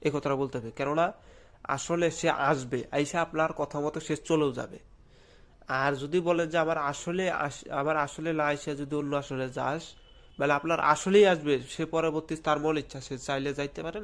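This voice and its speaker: Man with a cold. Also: fairly high pitch. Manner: slow deliberate chanting of verses. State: feverish with a head cold. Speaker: folk healer teaching mantras. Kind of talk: spoken instruction with chanted recitation.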